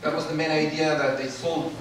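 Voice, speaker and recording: A man from Ethiopia, probably in his forties, telling his life story as a guest speaker. He talks haltingly and pauses for fillers often. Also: a little high, little pitch movement, a little hiss or hum. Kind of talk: personal story speech. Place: large hall. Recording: very echoey hall from far off.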